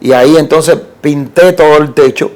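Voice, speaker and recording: A man from Cuba with a Cuban Spanish accent, telling an animated story as an interview guest, with halting restarts and repeated words. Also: fairly high pitch, soft background music. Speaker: interview guest, art collector.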